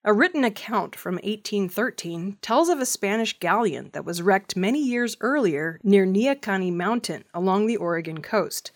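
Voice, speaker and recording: A news reader presents from a script, her voice at a middle pitch for a woman, delivering narrated reporting.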